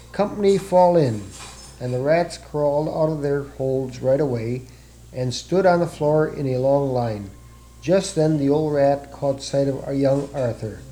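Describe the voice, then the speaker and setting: A man reads a children's story aloud at a steady, measured pace. His voice sits a little high for a man and sounds mellow and warm. There is a faint hiss behind him. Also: low-quality recording.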